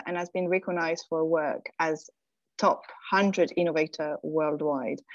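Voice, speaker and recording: A bubbly, chatty woman host with a fairly low voice. Her audio sounds dull and lo-fi, completely dry with no room sound. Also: no echo. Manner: bubbly, chatty, laughs easily. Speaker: podcast host. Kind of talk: podcast hosting.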